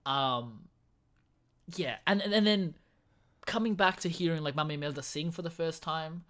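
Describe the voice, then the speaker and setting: A mid-pitched speaker on a film podcast, breaking down storytelling choices with real enthusiasm. The talk is analytical yet animated, in a casual conversational flow. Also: moderate pace. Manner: animated, switches into mimicking characters. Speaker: guest podcast host.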